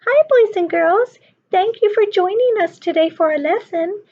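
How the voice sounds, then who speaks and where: A woman's voice: very high-pitched, normal speed, a little mellow, dull audio, pitched above the performer's own voice. A woman voicing a sweet, polite young girl puppet helper in a cheerful kids show manner. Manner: cheerful, simple, childlike greeting of children.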